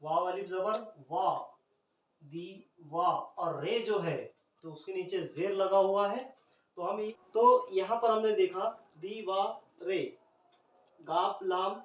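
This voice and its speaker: Slow, high-voiced man teaching in an echoey room. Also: distant mic. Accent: Indian Urdu. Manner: slow, letter-by-letter spelling. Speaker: Urdu teacher. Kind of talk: spelled-out poetry scansion lesson. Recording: roomy echo, speaker off the mic.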